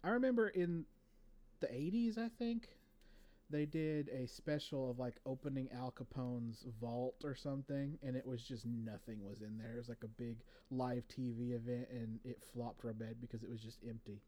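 A man co-hosting a casual podcast, reading movie trivia from his notes in a relaxed way with fillers. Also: mid-range voice, normal speed. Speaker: podcast co-host.

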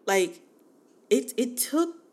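A woman's voice: fairly high pitch, big pitch swings, slow, a little mellow. A woman in her forties hosting a podcast in a casual, chatty monologue, laughing often and talking straight to her listeners. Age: 40s. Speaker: podcast host.

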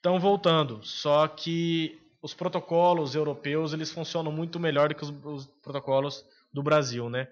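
A man with a Brazilian Portuguese accent, co-hosting a podcast in casual sports chat, opinionated and hesitant with frequent filler pauses. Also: on the high side, fairly even intonation, muffled recording. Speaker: podcast co-host.

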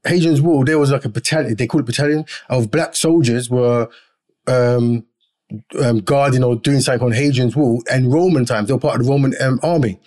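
A man's voice: mid-range voice, brisk, a little mellow. A man, arguing his point at length in a casual podcast discussion. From England. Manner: argumentative, explains at length. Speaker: podcast host or guest.

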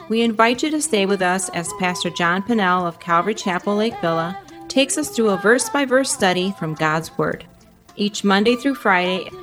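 Woman announcing over loud music. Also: medium pitch. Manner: welcoming, formal announcing. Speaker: radio program announcer. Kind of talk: scripted radio introduction.

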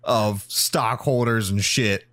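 A man's voice: lowish voice, steady tone, slow pace, a bit bright, no room sound. A man co-hosting a casual gaming podcast, ranting indignantly and swearing freely. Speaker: podcast co-host. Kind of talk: casual chat.

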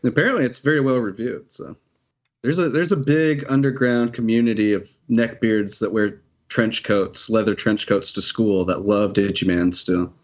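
A man's voice: lowish voice, moderate pace. A man casually chatting about video games on a podcast, rambling and laughing often, with casual swearing.

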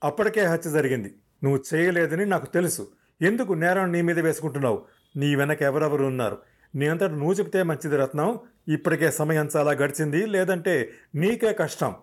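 A man's voice: on the high side, normal speed, darkish tone, natural voice. A man doing a shrewd, commanding investigator. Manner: direct, warning.

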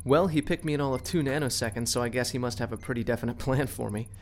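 A woman's voice: very deep voice, fast talker, slight background noise. An actress voicing a hesitant, rambling young male crew recruit in an audio drama.

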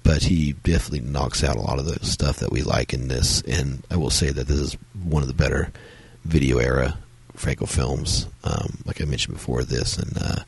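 This man reviews films alone on his podcast, his very deep, gravelly voice strained by a cold. The talk is loose and rambling, full of fillers and restarts, with fairly even intonation, a moderate pace and hardly any pauses. No room sound is audible.

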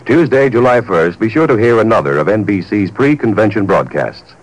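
A man's voice: on the low side, lively intonation, fairly quick, poor audio. Polished 1940s radio announcer man. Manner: formal, polished, emphatic.

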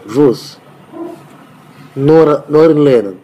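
A man, a rabbi, giving an informal Torah talk in a rambling, conversational way with sudden louder bursts. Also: fairly high pitch, slow pace.

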